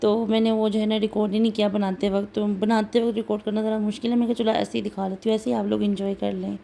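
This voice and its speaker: A woman vlogger chatting through a casual voice-over, rambling with many fillers, her throat a little hoarse. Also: mid-range voice, flat delivery, fast, warm tone, slight background noise. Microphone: home voice-over recording.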